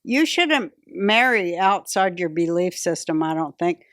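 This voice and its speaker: A woman's voice: on the low side, lively intonation, measured pace, fairly bright tone, no echo, clean studio sound. An older woman hosting a podcast, talking casually in a blunt, profane and opinionated way. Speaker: podcast host.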